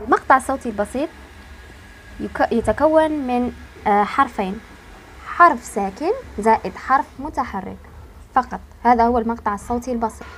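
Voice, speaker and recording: A woman teaching an online language lesson, explaining slowly and patiently, stretching key words and pausing to think. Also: a little high, fairly bright tone, a little hiss or hum.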